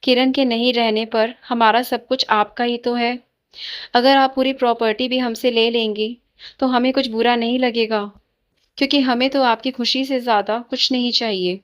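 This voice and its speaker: A woman voicing a calm, gentle young man. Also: a little high, moderate pace, smooth, lightly acted. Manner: gentle, sincere.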